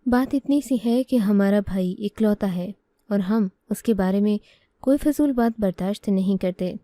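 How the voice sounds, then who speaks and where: A woman's voice: mid-range voice, measured pace, dark tone, no room sound, natural voice. A woman voicing an arrogant, bullying young sister-in-law in a storybook reading, speaking in a domineering, threatening way.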